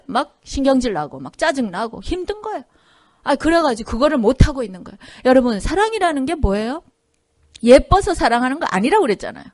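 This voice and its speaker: A woman pastor preaches a conversational Korean sermon in a church sanctuary, often checking in with the congregation through asides like "그죠?" and "예?" and acting out the voices in her story. Her voice sits high and a little mellow, captured in a dry, studio-quality recording.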